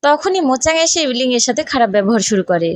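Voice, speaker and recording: A woman narrating a recap of a drama in a steady, even reading voice. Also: high-pitched, fast, no echo, studio quality. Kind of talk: scripted story recap narration.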